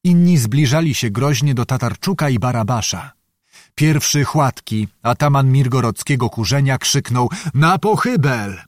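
Male audiobook narrator, dramatic historical reading, mid pitch, dry studio sound. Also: darkish tone, dry recording. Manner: measured, dramatic storytelling. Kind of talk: reading a historical novel aloud.

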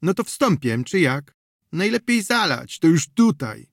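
A man's voice: a little high, sing-song, measured pace, vocal fry, no room sound, clean studio sound, pitched above the performer's own voice, exaggerated voice. A man voicing a small, slangy street hustler who coaxes a companion to drink. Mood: coaxing. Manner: coaxing, cheeky, slangy.

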